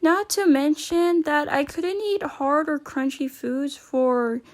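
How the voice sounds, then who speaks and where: A woman's voice: high voice, takes it slowly. A woman telling a personal story casually, in a rambling, informal, slangy way. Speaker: storyteller recounting a personal experience.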